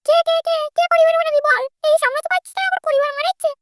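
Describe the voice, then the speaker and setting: A woman voicing a quick-tempered cartoon mother who screeches threats and insults at her family. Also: very high-pitched, dry recording, clean studio sound, faint music behind, pitched above the performer's own voice. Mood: scolding. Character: shrill scolding mother Pushpa, quick-tempered. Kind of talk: comic Bengali cartoon voice acting.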